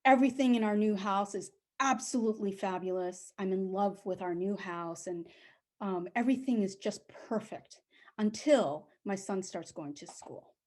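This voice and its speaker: A woman in middle age tells a true story from her own life. She talks with lively energy and slips into the voices of the people she describes. Her voice sits at an ordinary middle pitch. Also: moderate pace. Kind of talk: spoken personal storytelling.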